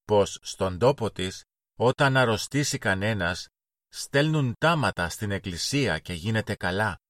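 A man's voice: medium pitch, lively intonation, fairly bright tone, dry recording, studio quality, close to an everyday voice. A man voicing a strict, bossy older girl in a children's storybook reading, scolding her younger siblings. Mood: earnest. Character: bossy older girl, stern big sister.

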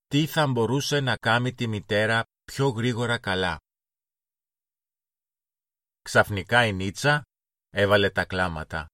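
Low-voiced man reading a storybook. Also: dry recording, clean studio sound. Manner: calm, measured reading. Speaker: narrator. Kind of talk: storybook narration.

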